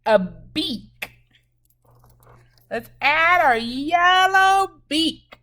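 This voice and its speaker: A preschool teacher with a high-sitting voice leads a children's craft lesson very slowly. She's animated and sing-song, posing questions and then answering them herself.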